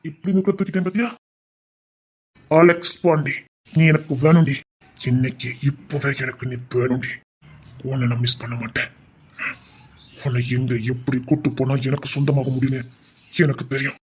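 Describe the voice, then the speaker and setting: A man's voice: steady tone, darkish tone, a little hiss or hum, close to an everyday voice. A man doing a menacing possessive villain with a Tirunelveli accent. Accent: Tirunelveli Tamil. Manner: slow, low, coaxing threats. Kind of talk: dramatic serial acting.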